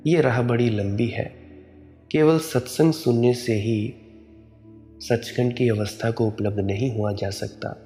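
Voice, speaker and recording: A man giving a spiritual sermon in a slow, measured, admonishing way. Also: medium pitch, warm tone. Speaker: spiritual preacher.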